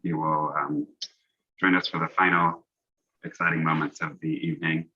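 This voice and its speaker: A man's voice: a bass voice, flat delivery, normal speed, breathy edge. A man politely chairing a public commission meeting over a video call. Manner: polite, procedural. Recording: dull lo-fi call audio.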